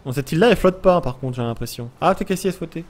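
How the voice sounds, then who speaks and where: A man's voice: a little high, expressive, very fast, darkish tone. A gaming YouTuber commentating a let's play, jumpy and easily scared, yelping and talking to the creatures he meets. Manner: jumpy, frightened, talks to creatures, yelps.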